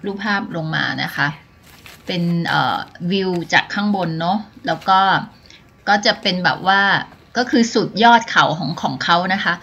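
Filming herself on a hand-held phone at arm's length, this female vlogger narrates a mountain-trail hike in a polite, chatty way full of fillers. Her voice sits lowish at a normal speed, sounding pushed and bright with a breathy edge, and the recording is muffled.

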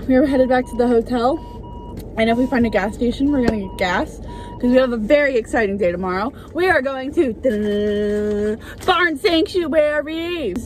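A young woman chatting upbeat to her phone camera on a road trip, in a car and outdoors. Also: on the high side. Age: young adult. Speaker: vlogger. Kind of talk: casual travel vlog narration. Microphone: phone held at arm's length. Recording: noisy car and street background.

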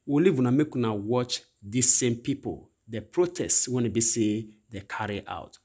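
Male host, Nigerian Pidgin accent, husky, rambling news voice-over. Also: medium pitch, expressive, moderate pace, mellow. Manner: rambling, repetitive phrasing. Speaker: channel host.

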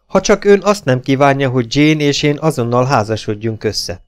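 A man voicing an earnest middle-aged male suitor in an audiobook, speaking in a measured, emphatic way. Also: mid-range voice, expressive, darkish tone, voice pushed up, close to an everyday voice.

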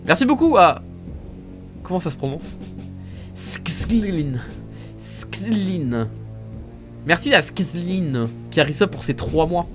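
An excitable man joking his way through a live game stream, his voice a little high and bouncing all over in pitch. He talks close to a studio mic, with game music playing behind him. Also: normal speed. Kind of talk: live gaming stream commentary.

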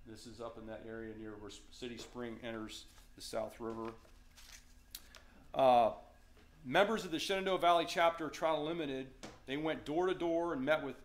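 A middle-aged man with a Virginian accent gives an unscripted slide talk as a fisheries manager, with many fillers and restarts. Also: mid-range voice. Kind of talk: slide presentation lecture. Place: darkened meeting room with audience.

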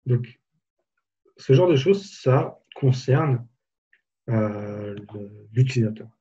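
A man giving a live software tutorial webinar, casually explaining each step as he clicks through it. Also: mid-range voice, animated, slow, breathy edge, dull audio. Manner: casual, explanatory, walks through steps on screen. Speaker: software trainer.

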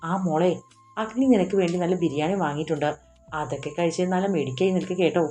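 A woman's voice: on the low side, quick pace, warm tone, faint music behind, natural voice. A woman voicing a scheming middle-aged mother who puts on sugary sweetness.

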